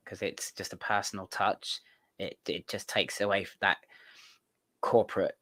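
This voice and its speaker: A man with a very low voice hosts a relaxed studio interview. He talks in long, earnest, winding sentences. The sound is close and dry, with no room echo. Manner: rambling, earnest. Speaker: podcast host. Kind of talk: casual interview chat.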